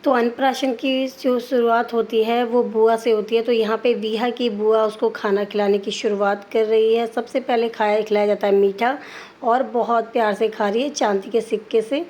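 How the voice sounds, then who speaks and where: A woman's voice: a little high, steady tone, normal speed, a little mellow. A young woman chatting casually to her viewers in a family home, explaining everything as she goes. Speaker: vlogger. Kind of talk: casual vlog narration.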